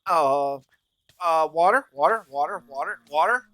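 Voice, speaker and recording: Here the man's voice is a bit high and slightly bright, with lively intonation and a normal tempo. As a gaming video creator, he tells the story of his survival game in a chatty, journal-style way with some playful roleplay.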